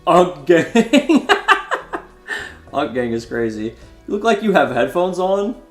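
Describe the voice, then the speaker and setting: During a card-game live stream, a man in his twenties jokes around loosely with those watching. His fairly bright voice sits high with huge pitch swings, and he speaks slowly; roomy echo and faint music fill the background.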